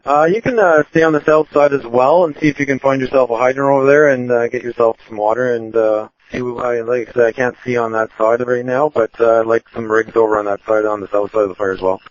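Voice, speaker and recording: A man acting as fire incident commander, giving calm orders over a two-way radio, halting with fillers. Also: mid-range voice. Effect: heard over a two-way radio. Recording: muffled lo-fi radio with faint hiss.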